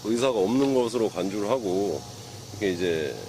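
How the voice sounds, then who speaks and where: A man's voice: on the low side, lively intonation, moderate pace, dark tone, slight background noise. A man reporting to viewers in a hesitant way, with many fillers. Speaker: protester addressing viewers.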